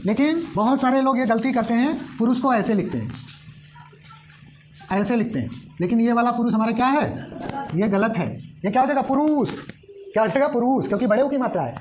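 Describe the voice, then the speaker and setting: A woman's voice: on the high side, expressive, a little fast, darkish tone, a little hiss or hum. A woman teaching a lesson, who keeps asking the class questions and then answering them herself. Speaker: Hindi teacher. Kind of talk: explaining at a whiteboard.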